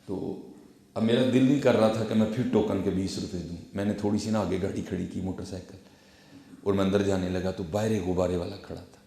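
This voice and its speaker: A man preaching a story sermon, turning from hushed asides to loud exhortation and addressing his listeners respectfully. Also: low voice, fairly even intonation, gravelly. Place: Friday gathering in a large echoing room. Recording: very echoey room.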